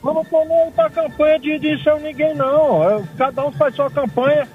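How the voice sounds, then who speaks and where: A man calling in to a radio show, speaking haltingly and insistently, often repeating words as he makes his point. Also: extremely high pitch, phone-quality sound, faint music behind. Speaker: caller. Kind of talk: radio call-in.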